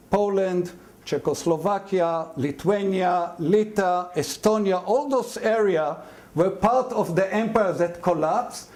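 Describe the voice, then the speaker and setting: Older man lecturing, higher voice. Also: a little mellow. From Mandate Palestine. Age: 70s or older. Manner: explanatory, halting, with many fillers and restarts. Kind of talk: university lecture.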